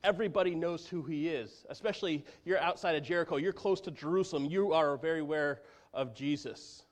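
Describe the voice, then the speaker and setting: Earnest preacher man, slightly high voice. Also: a little fast. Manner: earnest, drops to a hush for emphasis. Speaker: pastor. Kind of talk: sermon.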